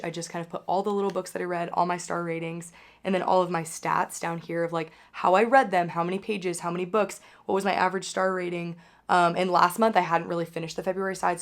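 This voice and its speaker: A young woman with a hoarse voice, still recovering from being sick, hosting a casual book wrap-up and chatting loosely with lots of filler words. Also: fairly low pitch. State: hoarse, recovering from losing her voice. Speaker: book channel host. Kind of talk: casual reading wrap-up chat.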